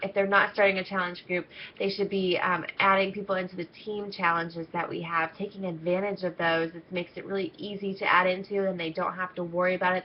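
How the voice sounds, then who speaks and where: Stuffed up with an oncoming cold, the same coach speaks in a lowish, nasal voice during a casual, upbeat video training session for her internship team, chatty and full of ums. The lo-fi audio is slightly dull with slight background noise.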